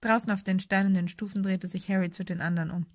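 Woman reading an audiobook, measured. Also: medium pitch, fairly even intonation, no room sound, clean studio sound. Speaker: audiobook reader. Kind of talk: scripted narration.

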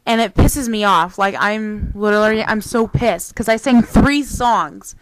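A woman's voice: mid-range voice, measured pace, no echo, poor audio. A woman vlogger in casual webcam chat, rambling and swearing freely, recorded on a cheap computer mic.

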